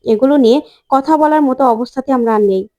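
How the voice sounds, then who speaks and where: A woman's voice: sits high, fast talker, warm tone, muffled recording, lightly acted. Hurt young woman, as a woman narrator puts her on, firm and reproachful.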